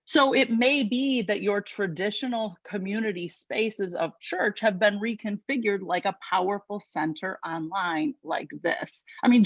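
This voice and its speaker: A woman with a Chicago accent giving an inspirational talk as guest speaker at an online spiritual service, lively and conversational with quick asides. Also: a little high, no echo, muffled recording. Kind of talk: inspirational sermon.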